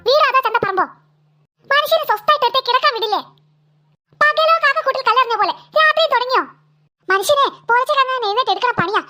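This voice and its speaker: Cartoon mom, nagging, fed up, very high and bright, brisk. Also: female voice, exaggerated voice. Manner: nagging, exasperated scolding. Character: scolding weary mother of two squabbling daughters. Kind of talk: cartoon voice acting.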